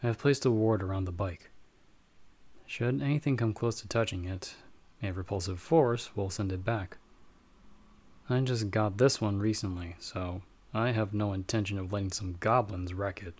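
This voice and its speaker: The role is a bounty hunter, watchful and knowledgeable about monsters and magic, voiced by a man acting it out in a fairly low, natural, darkish tone. Speaking to his companion in ASMR roleplay fashion, he stays calm and alert, with measured, slightly formal explanations.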